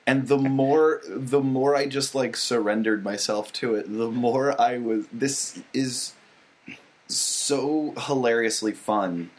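A male podcast co-host chats casually about what he has been reading. His delivery is eager and loose, full of restarts. His pitch sits in an ordinary middle range. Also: takes it slowly. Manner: enthusiastic, rambling with restarts. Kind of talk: casual chat.

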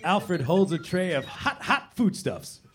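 A man's voice: high voice, sing-song, unhurried, a little hiss or hum. A man reading stage directions as the narrator of a comedy script.

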